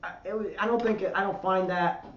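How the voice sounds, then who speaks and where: A man's voice: high-pitched, steady tone, a little fast, a bit bright. A man, a comedian and podcast guest, speaking reflectively and repeating himself as he works through his thoughts. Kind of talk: casual podcast interview. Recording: roomy, distant lo-fi mic with faint hiss.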